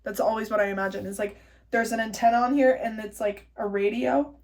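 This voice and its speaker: A woman's voice: a little high, steady tone, a little fast, a little mellow. Chatty, profane young-sounding woman. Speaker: self-help vlogger. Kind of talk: casual spoken lesson.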